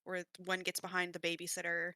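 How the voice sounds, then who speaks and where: A woman chatting during a tabletop game session. Her voice is bright and forward, and it sounds close and dry on the mic. She talks in a chatty, reactive way. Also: on the low side, completely flat delivery, a little fast, clean tone, no room sound. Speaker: player. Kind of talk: casual chat at a game table.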